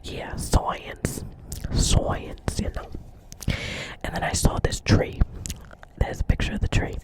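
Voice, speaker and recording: Taking it slowly, someone whispers through a role-play of a chatty, dreamy doctor's office receptionist who has a New Jersey accent. She rambles earnestly, goes back over the same phrases, and checks in with the listener again and again.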